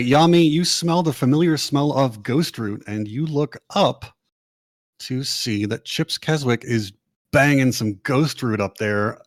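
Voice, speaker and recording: A man's voice: mid-range voice, dry recording, studio quality. A man running an online tabletop game as game master, narrating scenes and directing players in a casual way with some swearing.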